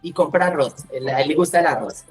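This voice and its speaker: Low-voiced woman teaching code. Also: fast, darkish tone, soft background music. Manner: explains step by step, checks in with "¿cierto?" and "¿vale?". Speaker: programming instructor. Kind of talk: live coding lesson.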